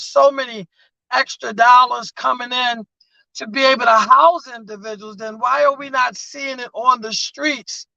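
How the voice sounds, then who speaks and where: A guest community advocate speaks in a casual live conversation, her voice on the high side with a bright, forceful edge. She builds her points in an emphatic, rallying, preacher-like cadence. The recording is close, dry, dull and lo-fi.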